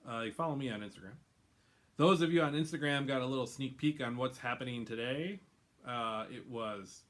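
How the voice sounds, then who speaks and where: A man's voice: mid-range voice, fairly bright tone. A man hosting a drawing show, chatting casually and rambling, laughing often. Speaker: host. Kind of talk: casual chat.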